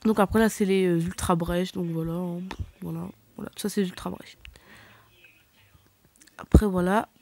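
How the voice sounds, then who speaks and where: A woman's voice: lowish voice, steady tone, moderate pace, pauses often, darkish tone. A woman chatting casually while showing her game collection, rambling with many fillers, slips and self-corrections. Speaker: gaming vlogger.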